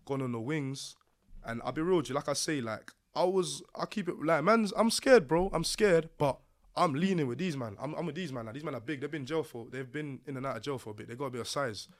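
A man's voice: medium pitch, fast. A man with a London accent and roadman slang, telling his own story casually as a podcast guest.

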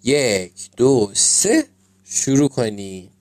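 A man voicing a small, kind, lively sparrow parent in a storybook tale, quick, high and eager. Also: no room sound, natural voice. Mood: cheerful.

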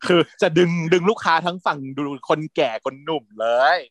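An animated, chatty man with a fairly high voice, gushing as he talks through TV series in a relaxed back-and-forth. The sound is dry and close, with no room around it. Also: a little fast, no room sound. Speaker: podcast co-host. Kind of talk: casual chat about TV series.

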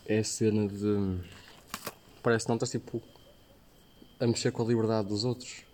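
A man's voice: lowish voice, level tone, moderate pace, warm tone. A young man with a European Portuguese accent chats casually and full of slang as a podcast co-host, recorded outdoors while walking. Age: young adult. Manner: slangy, peppered with filler words. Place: outdoors, walking along streets. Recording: noisy on-the-move ambient recording.

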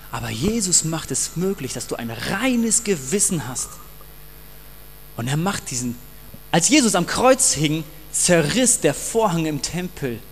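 A man preaching a passionate, emphatic sermon and addressing the congregation directly, in a reverberant hall with faint mains hum. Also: fairly high pitch. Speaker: pastor.

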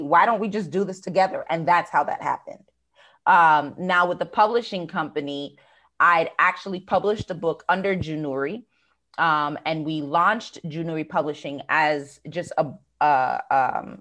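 Speaking in a low, slightly bright voice, an American woman who owns a business walks through her work during a conversational interview. Her answers are thoughtful, sprinkled with fillers and false starts.

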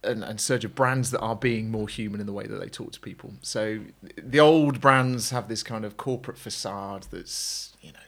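A man's voice: fairly low pitch, normal speed, gravelly, few pauses. A man, a guest on a podcast, chatting casually and rambling with plenty of fillers and restarts. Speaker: podcast guest, agency founder. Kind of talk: casual chat.

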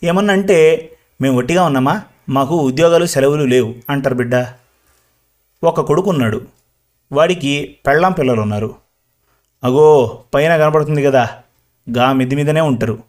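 Man playing talkative old village granny, slow and rambling, storybook. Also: on the high side, natural voice. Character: chatty old village grandmother, talkative and proud. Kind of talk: storybook reading.

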